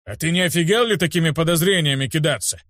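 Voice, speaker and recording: A gruff, irritable grown man who brushes off every doubt, as a male narrator puts him on. His talk is brusque and impatient. The read sounds close and dry. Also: on the high side, lively intonation, moderate pace, a bit bright, no echo, pitched above the performer's own voice.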